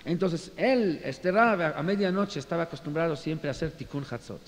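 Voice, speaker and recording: A man teaching as a rabbi, telling stories in an animated way, pausing to search for words, with faint hiss and a roomy echo on the recording. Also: on the high side. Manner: animated, with frequent fillers and restarts. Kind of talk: storytelling lecture. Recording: reverberant room with faint hiss.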